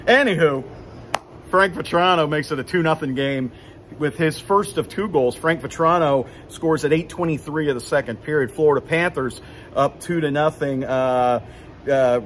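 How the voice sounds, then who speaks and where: With a somewhat high voice at normal speed, a man in his fifties rambles through a casual postgame recap beside the rink in an indoor hockey arena, full of fillers and restarts. Slight background noise comes through his phone camera, held at arm's length.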